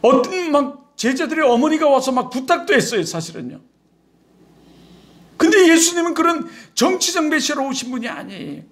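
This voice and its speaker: A male pastor preaching a sermon in an animated, conversational way with rhetorical questions. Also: very high voice, moderate pace.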